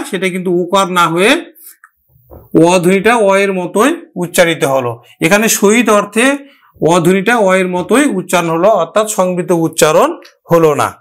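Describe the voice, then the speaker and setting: Male teacher with a high voice, patient and step-by-step, who drills example words through repetition. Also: a bit bright. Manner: explains slowly, repeats example words. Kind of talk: pronunciation lesson.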